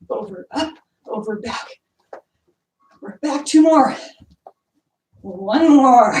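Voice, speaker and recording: A woman's voice: sits high, a little mellow, distant mic. A woman instructor leading an online martial arts workout, cueing and counting moves, getting out of breath. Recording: echoey room, voice from afar.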